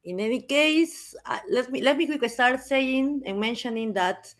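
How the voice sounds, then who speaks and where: A woman's voice: high-pitched, moderate pace. Chatty Peruvian woman in her thirties. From Peru. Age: 30s. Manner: chatty with frequent fillers and restarts. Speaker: guest speaker. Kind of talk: conversational interview.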